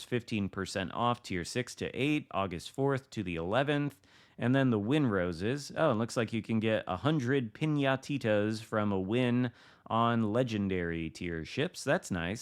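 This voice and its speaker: Clear-voiced man reading game patch notes. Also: on the low side. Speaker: gaming content creator reading patch notes. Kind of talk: reading patch notes aloud with casual asides.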